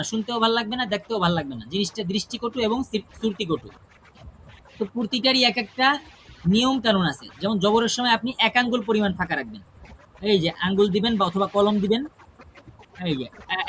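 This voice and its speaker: A man's voice: high-pitched, fairly bright tone, slight background noise. A man teaching a class how to pronounce Quranic recitation. He demonstrates the sounds aloud and keeps checking in with his students. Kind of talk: classroom pronunciation lesson.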